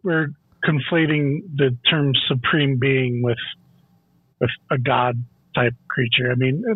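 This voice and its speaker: A husky man on a panel, chatting casually over a narrow, phone-like connection. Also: mid-range voice, flat delivery, slow pace, dry recording. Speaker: podcast panelist. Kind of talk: casual chat. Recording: dry, phone-like narrow band.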